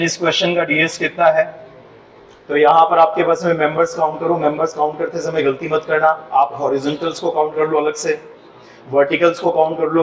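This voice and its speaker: A man's voice: high-pitched, roomy sound, distant mic, a little hiss or hum, rough recording. A man with an Indian accent teaching a civil engineering class, mixing Hindi and English and often asking the students if they follow. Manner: mixes Hindi and English, asks the class frequent checking questions. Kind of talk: classroom lecture.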